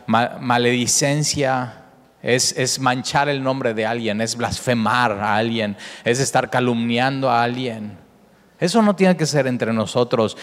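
A man preaching a sermon as pastor, earnest, often rephrasing himself and circling back to a point. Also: mid-range voice. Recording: long reverb of a large hall.

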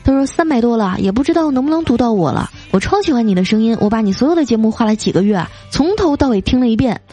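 Playful higher-voiced woman host, mellow tone. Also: lively intonation, fast. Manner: playful, teasing, reads jokes with light voiced quotes. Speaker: podcast host reading listener comments. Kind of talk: casual chat. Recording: soft music behind.

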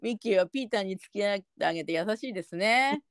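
A woman's voice: mid-range voice, expressive, fast, no echo, clean studio sound. A woman co-hosting a casual podcast about a TV show, chatty and explanatory, laughing often. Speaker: podcast co-host.

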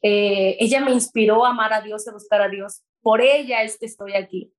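A woman's voice: mid-range voice, steady tone, normal speed, low-quality recording. A woman with a Mexican accent, sharing her personal faith testimony in an earnest, emotional way with some hesitations. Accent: Mexican Spanish.

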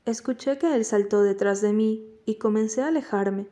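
A woman reading a novel aloud in first person as an audiobook narrator, at a steady, measured pace. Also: medium pitch.

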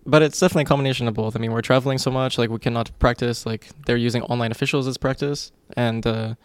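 A man guesting on a podcast, giving measured views in casual chat with frequent fillers. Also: mid-range voice, fairly even intonation, clean tone, no echo. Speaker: guest, pro player.

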